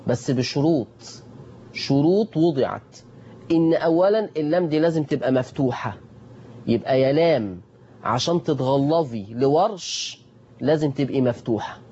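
Egyptian man, recitation teacher, questions and answers for his class, mellow dark voice, dull lo-fi sound. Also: on the high side, animated, normal speed, breathy edge. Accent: Egyptian Arabic. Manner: asks the class questions and answers them himself, repeats key points. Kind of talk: tajweed lesson.

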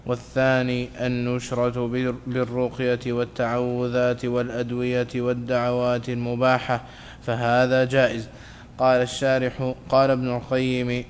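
A man reads a classical religious text aloud to his teacher, word by word and with care. His voice stays level on one note, with almost no rise or fall. A faint noise runs behind him. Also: medium pitch. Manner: flat, measured recitation. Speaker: student reading a text aloud.

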